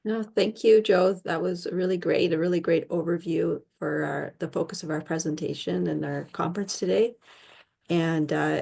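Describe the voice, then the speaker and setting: A woman's voice: sits low, vocal fry, dark tone, slightly rough. A woman moderating a conference over a video call, thanking the speaker and reading out questions.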